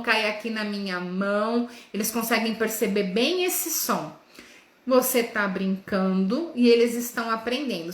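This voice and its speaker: A woman teaching other teachers. She talks in a didactic way, checks in with "né?" and "tá?" throughout, and sounds out letters and syllables slowly in her demonstrations. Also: on the high side, pushed and bright, roomy sound. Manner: didactic, with frequent "né?" and "tá?" check-ins. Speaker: educator. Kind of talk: lesson for teachers.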